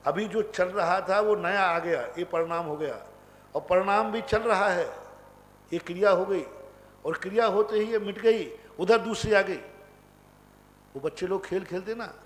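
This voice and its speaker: High-voiced Indian monk lecturing. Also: male voice, in a large hall. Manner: explains step by step with rhetorical questions; chants sutra lines slowly. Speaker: Jain monk teacher. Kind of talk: scripture class lecture.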